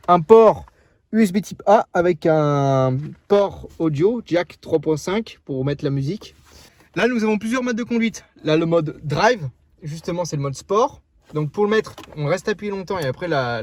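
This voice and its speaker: A man's voice: sits high, expressive, normal speed, a little mellow. A young man casually showing off his car outdoors, joking and rambling with lots of fillers. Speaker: car vlogger.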